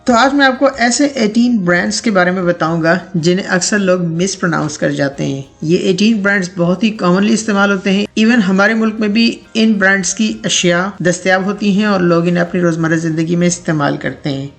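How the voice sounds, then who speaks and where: A man teaching a pronunciation lesson, repeating each word slowly several times so listeners can copy it. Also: high-pitched, vocal fry, a bit bright, soft background music.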